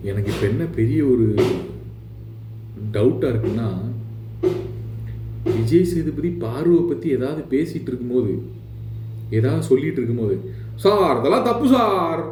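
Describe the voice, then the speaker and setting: A man's voice: medium pitch, moderate pace, long pauses, reverberant, over music. A man giving sarcastic, theatrical commentary on a reality show, switching between mock-formal speech and mocking asides.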